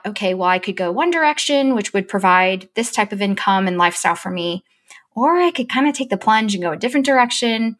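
Animated woman telling a story. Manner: animated, gets high and excited when quoting herself. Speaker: guest; chief operating officer. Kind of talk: casual storytelling interview.

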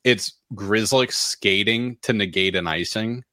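A man co-hosting a podcast, chatting casually about sports, animated and quick to laugh. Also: on the low side, dry recording, clean studio sound. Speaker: podcast co-host.

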